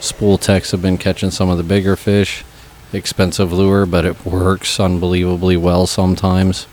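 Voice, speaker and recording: A man's voice: deep voice, completely flat delivery, moderate pace, darkish tone, slight background noise, rough recording. A man giving a matter-of-fact fishing report on the radio. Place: radio studio.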